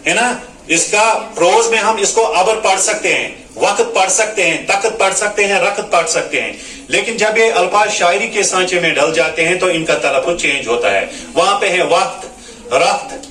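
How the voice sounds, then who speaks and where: A man's voice: high-pitched, bright, forceful tone. A man teaching a lesson, explaining pronunciation patiently and often checking that his students follow. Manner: explanatory, repeats "है ना" to check understanding. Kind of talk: classroom lesson on Urdu poetry recitation. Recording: echoey room, mic at a distance.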